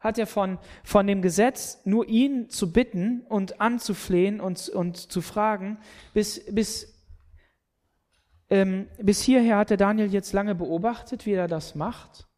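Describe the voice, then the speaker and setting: A man's voice: sits high, unhurried, a little mellow. A man preaching a sermon, retelling a scripture story and speaking earnestly, often repeating words as he presses his point.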